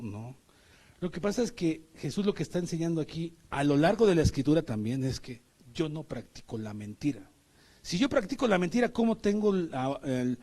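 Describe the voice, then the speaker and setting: A man's voice: a little high, a little mellow. A middle-aged man with a Mexican Spanish accent preaching a sermon, emphatic, often asking the congregation rhetorical questions.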